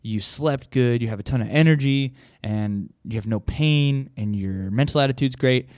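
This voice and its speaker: A male podcast host talking on his own in a blunt, casual, profane way. His pitch sits in an ordinary middle range, and the sound is dry and close with no room echo. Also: normal speed, a little mellow. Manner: blunt, profane, conversational, with frequent "like". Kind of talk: casual solo podcast monologue.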